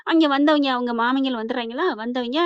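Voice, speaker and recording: A woman's voice: high-pitched, quick pace, clear, resonant tone, no echo. A woman retelling a serial episode in a chatty, dramatic way. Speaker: serial recap narrator. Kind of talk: casual storytelling recap. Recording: dull lo-fi recording.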